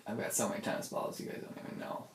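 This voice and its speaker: A young man thinks aloud in a casual audio diary, talking very fast but hesitantly, repeating himself, interrupting his own thoughts, and circling back with lots of "like"s and other fillers. The sound is roomy with a little hiss or hum.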